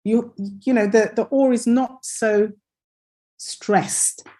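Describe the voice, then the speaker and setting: A woman's voice: on the high side, fairly even intonation, slow, warm tone. A woman teaching English pronunciation in an online lesson over a computer mic, hesitant, with many fillers and restarts.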